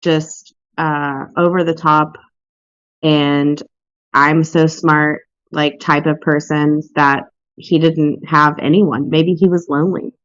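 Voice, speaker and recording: A woman hosting a casual true crime podcast chat, blunt and quick to swear. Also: deep voice, fairly even intonation, dry recording, highs cut off. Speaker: podcast host.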